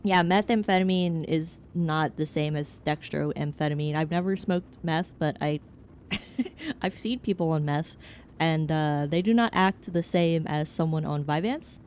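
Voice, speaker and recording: A chatty young woman with a slightly low voice talks casually to her stream chat. She rambles from topic to topic, frank and joking. A faint hiss sits under her voice. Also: unhurried, darkish tone. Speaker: VTuber streamer. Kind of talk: casual chat, answering chat while gaming.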